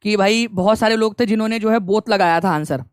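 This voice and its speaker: A man's voice: high-pitched, a little fast, clear, resonant tone, no room sound, clean studio sound. A young man teaching an online exam-prep lecture in a conversational way, repeating key points and mixing in English phrases.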